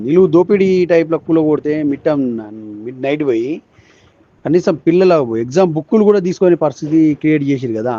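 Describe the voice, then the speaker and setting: A man's voice: fairly high pitch, mellow, dry recording. A man with a Telangana accent delivering an indignant, accusatory political rant as an ordinary citizen in a voice message, firing off rhetorical questions. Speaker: disgruntled citizen. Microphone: phone voice recording. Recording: muffled lo-fi phone voice message.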